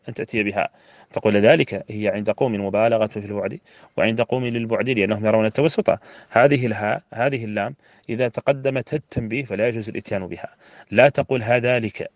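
A middle-aged scholar gives a classroom grammar lecture at a brisk pace. He explains a verse text and repeats key phrases to drive points home. His voice sits in a middle register and is recorded dry and close. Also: medium pitch, dry recording. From Mauritania. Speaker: Islamic scholar teaching grammar.

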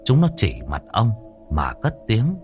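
A man narrating a ghost story audiobook in a measured, dramatic storytelling manner. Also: fairly low pitch, wildly swooping pitch, faint music behind.

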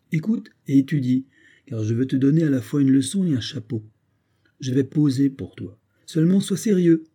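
A man voicing a witty, self-assured young poet who lectures his friend mockingly, in a dark, husky voice pitched up.

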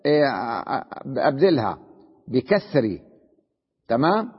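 A man's voice: mid-range voice, sing-song, a little slow, breathy edge. A man teaching a grammar lesson as a sheikh, reading a text aloud and then explaining it, often checking that his students follow. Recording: dull lo-fi recording in a reverberant hall.

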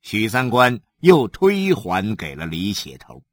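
A man reading a novel aloud as a storyteller, animated and acting out the scenes. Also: lowish voice, takes it slowly, dry recording.

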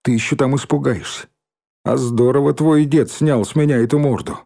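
A man's voice: mid-range voice, fairly even intonation, vocal fry, mellow, natural voice. A man reading an earnest, guilt-ridden schoolboy. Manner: halting, earnest confession. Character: remorseful schoolboy, earnest and agitated.

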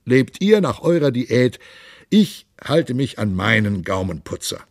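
A man voicing a jovial, hard-drinking monk in an audiobook, loud and hearty with a raised voice. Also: big pitch swings, a little slow, dry recording, studio quality. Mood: boisterous. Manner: loud, hearty, high-pitched boisterous delivery. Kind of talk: audiobook character voice.

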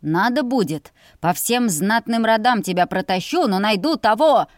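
A woman's voice: mid-range voice, expressive, moderate pace, no echo, lightly acted. The stern head of a family who lays down the law in firm, emphatic declarations, as a woman reader puts him on. The storybook reading is dry and close.

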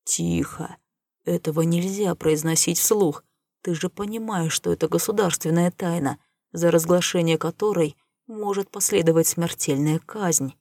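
A woman's voice: lowish voice, normal speed, warm tone, no room sound. Woman voicing a glib lying spacer man. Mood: hushed, grave. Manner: confident, lying with easy enthusiasm. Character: scheming smooth-talking male spacer, glib liar. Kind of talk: audiobook character reading.

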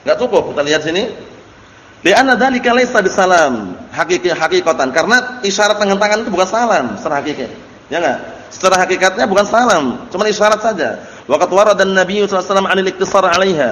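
A man's voice: sits high, a bit bright. A man teaching a religious study class, explaining Arabic text and often asking his students questions. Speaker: Islamic teacher. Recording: echoey hall recording with faint noise.

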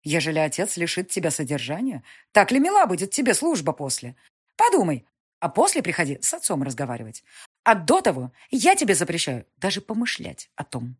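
A woman voicing a domineering aristocratic countess who scolds her grown son, in a husky, high-strung, overbearing voice, as in a period audiobook. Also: huge pitch swings, fairly quick, heavily acted. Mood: scolding. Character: imperious aristocratic middle-aged countess mother.

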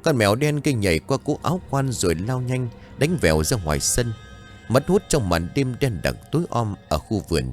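A man's voice: medium pitch, big pitch swings, normal speed, soft background music. A man narrating a horror story in a dramatic, suspenseful way.

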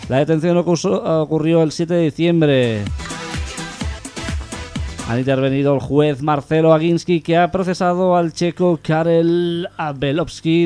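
Radio humor host, male, reads news and gags in a slightly high voice, soft music behind. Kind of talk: reading news and jokes on radio.

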